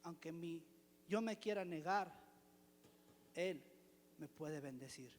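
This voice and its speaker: A man from the church's pastoral team delivers an emphatic testimony sermon in a large church hall, returning again and again to one refrain and asking rhetorical questions. His voice has a fairly high pitch and a slow pace, with a little hiss or hum.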